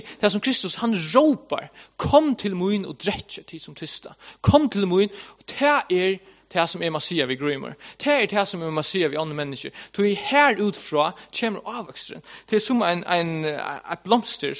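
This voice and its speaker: A man with a fairly high voice preaches a sermon to his congregation, earnest and repetitive, circling back to restate each point as he builds it. The recording is dull and lo-fi. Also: a bit bright.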